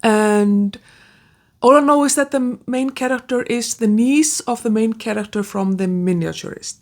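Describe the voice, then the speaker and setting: A woman's voice: a little high, moderate pace. A woman, chatting casually about her books with frequent restarts and trailing asides. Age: 40s. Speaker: book vlogger. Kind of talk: casual book-tag chat.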